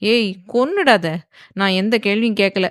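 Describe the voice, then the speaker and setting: A woman voicing a feisty, sharp-tongued young woman who answers with sassy, quick retorts in a storybook. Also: medium pitch, no room sound, studio quality, natural voice.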